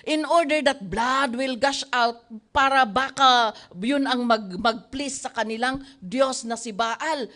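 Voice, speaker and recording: Female pastor, Filipino accent, lively sermon storytelling, high voice, acts out the voices. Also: slow pace. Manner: lively, laughs often, mixes languages, acts out the voices of the story's speakers. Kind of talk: sermon retelling a Bible story.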